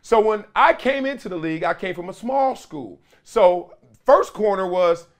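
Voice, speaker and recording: A man's voice: high voice, lively intonation, normal speed. A middle-aged man hosting sports commentary, telling stories and acting out quotes with big gestures in a small studio. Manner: storytelling, acts out quotes, gestures broadly.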